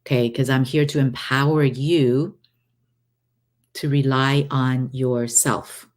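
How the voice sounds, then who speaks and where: A woman giving a guided relaxation talk as an energy healer, halting and unhurried, with long pauses between phrases. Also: extremely low pitch, fairly even intonation, a little mellow. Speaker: energy healer hosting her own recordings.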